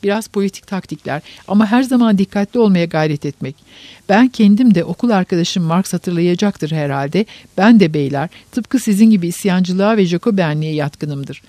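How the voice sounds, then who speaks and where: A man's voice: sits high, animated, brisk, darkish tone, no room sound. Man reading a smug male industrialist. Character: boastful male industrialist, self-assured.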